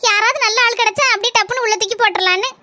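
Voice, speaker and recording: A woman's voice: very high-pitched, pushed and bright, a little hiss or hum. A woman with a southern Tamil accent voicing a sociable neighbourhood woman who runs a savings group, in a cartoon. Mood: chatty. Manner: chatty, brisk.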